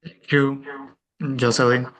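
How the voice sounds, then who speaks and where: Bright-voiced man. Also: medium pitch, flat delivery, slow pace. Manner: careful, explanatory, with frequent "eh" and "¿no?". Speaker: presenter at an online information session. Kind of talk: explanatory webinar talk. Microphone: video call.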